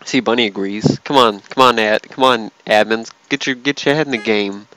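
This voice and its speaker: A tipsy man giving rambling, swearing commentary while he plays a game, bursting into yells and laughs. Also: on the low side, moderate pace, low-quality recording. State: tipsy from drinking. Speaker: gamer streaming his play. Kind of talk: casual gaming commentary.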